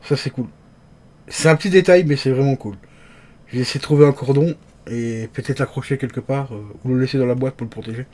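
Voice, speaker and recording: A man's voice: mid-range voice, fairly even intonation, a little fast, darkish tone. A man casually commenting an unboxing for his viewers, chatty and hesitant, with many fillers and restarts, his voice moving closer and farther from the mic. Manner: talks to viewers as friends. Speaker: unboxing youtuber.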